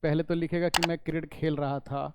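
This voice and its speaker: A man's voice: on the high side, little pitch movement, fairly quick, heavy background noise. Man teaching step by step. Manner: repetitive, explains step by step, asks and answers own questions. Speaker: English teacher. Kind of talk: classroom lesson explaining in Hindi.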